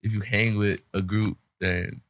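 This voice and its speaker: A man's voice: lowish voice, fairly even intonation, a little slow, a bit bright, no echo, studio quality. A nineteen-year-old man guesting on a casual podcast, talking in a hesitant, filler-heavy way. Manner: hesitant, mumbling, lots of fillers. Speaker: guest YouTuber.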